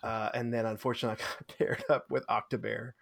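A man's voice: mid-range voice, level tone, fast, creaky, a bit bright. A man co-hosting a podcast, chatting casually and self-deprecatingly with frequent laughter. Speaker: podcast co-host. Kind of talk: casual chat recapping a tabletop tournament.

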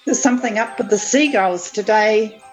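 A woman playing a wise, patient, very old magic professor in an improvised comedy sketch, measured and consoling. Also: medium pitch, faint music behind, natural voice, low-quality recording.

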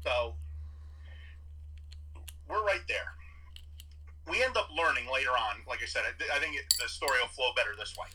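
Man with a bright, forceful voice. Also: medium pitch, moderate pace, pauses often, breathy edge, low-quality recording. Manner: animated, profane storytelling. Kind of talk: casual chat.

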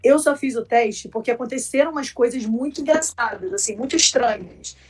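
A young woman's slightly high, husky voice tells a story to listeners in a chatty podcast style. She sits a bit back from the mic, with faint music underneath. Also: a little fast, far from the mic. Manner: chatty, addresses listeners directly. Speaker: podcast host. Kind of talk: casual storytelling chat.

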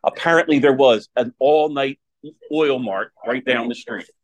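Man, priest, homily delivery, mid-range pitch, deliberate phrasing, emphatic pauses. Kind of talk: homily and Gospel reading.

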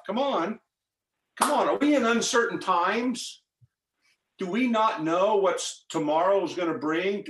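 A man preaching a sermon over a video call, fervent and urging, swinging from loud exhortation to intense quiet appeals. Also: sits high, roomy sound.

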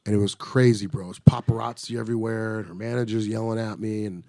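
Low-voiced man telling a lively story. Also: fast, no room sound, studio quality. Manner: animated, acts out quoted voices, swears freely. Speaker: actor telling a show-business story. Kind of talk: casual storytelling chat.

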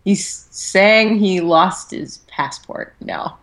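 A woman's voice: medium pitch, animated, slow. A woman guest on a podcast, chatting casually and giggling often.

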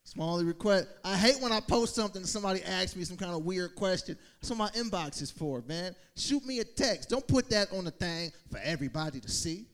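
A man's voice: sits high, lively intonation, fairly quick, hardly any pauses, fairly bright tone. A man doing casual stand-up comedy, chatting informally and directly to the crowd.

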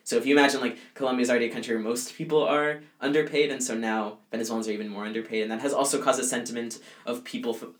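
With a steady tone in his mid-range voice, a young male college student fires off interview answers rapidly, barely pausing. His casual, conversational style is full of restarts and fillers such as "um" and "like."

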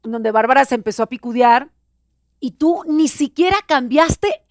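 A woman who is a podcast guest, explaining what people outside the show thought, in relaxed chat with many fillers. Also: high-pitched, normal speed, no room sound, clean studio sound. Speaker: reality show contestant guest. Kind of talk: casual chat.

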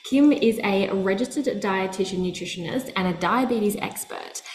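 A woman's voice: medium pitch, normal speed, a little hiss or hum. A woman hosting a wellness podcast, speaking in an upbeat, enthusiastic way, first in a scripted intro and then in casual conversation. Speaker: podcast host and nutritionist. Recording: roomy echo, faint music.

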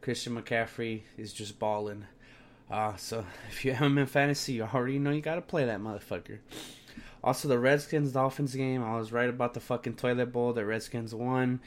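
A man's voice: medium pitch, fairly even intonation, fairly quick. A young man talking sports on a solo podcast in a brash, slangy, sweary frat-bro manner, sounding sick and tired.

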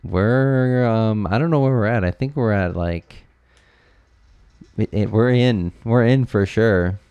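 Relaxed young man hosting, smooth voice. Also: lowish voice, no echo, lo-fi sound. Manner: relaxed, rambling, quick to laugh. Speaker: podcast host. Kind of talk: casual chat.

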